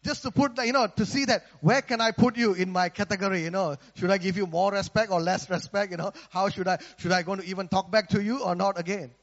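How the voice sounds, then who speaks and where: The preacher, a Malaysian man with a Malaysian accent, talks fast with few pauses, his high-pitched voice keeping fairly even intonation. A long reverb tail and cut-off highs shape the sound as he preaches conversationally, repeating words and asking the congregation for an amen.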